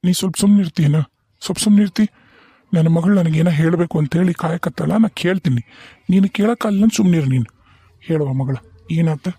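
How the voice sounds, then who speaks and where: Guy doing a worried cartoon dad, north karnataka accent, soft husky mellow voice, gentle. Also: on the high side, a little fast, pauses often, no echo. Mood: coaxing. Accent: North Karnataka Kannada. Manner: gentle, pleading, rises when alarmed. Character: worried middle-aged village father in hospital. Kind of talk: cartoon voice acting.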